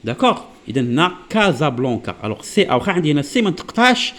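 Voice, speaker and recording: A man with a Moroccan Arabic accent teaching French pronunciation. He explains patiently, often checks that listeners follow, and says example words slowly. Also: on the high side, big pitch swings, fairly bright tone. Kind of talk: classroom-style lesson explanation.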